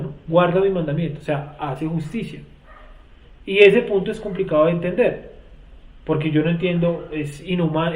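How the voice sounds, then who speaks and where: A man's voice: fairly high pitch, darkish tone. A man teaching a Bible study class, explaining word meanings and often putting questions to his students. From Colombia. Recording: echoey room, tinny phone-like sound.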